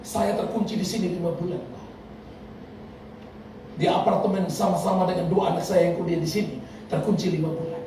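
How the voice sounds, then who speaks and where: Animated pastor preaching in an echoey hall. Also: male voice, sits high, fairly quick, long pauses. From Indonesia. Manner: animated preaching with laughter and acted-out quotes. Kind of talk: sermon. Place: large church hall. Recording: echoey hall from far off with noise.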